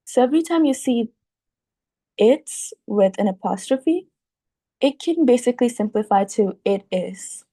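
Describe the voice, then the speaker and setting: Mellow higher-voiced woman teaching grammar. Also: lively intonation, a little slow, no echo. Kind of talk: casual explanation for kids.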